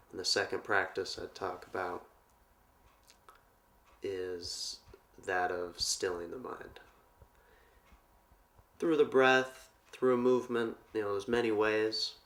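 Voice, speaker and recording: Very deep, gravelly man, calm and earnest. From Portland, Oregon. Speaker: yoga teacher and massage therapist. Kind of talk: reflective interview answers.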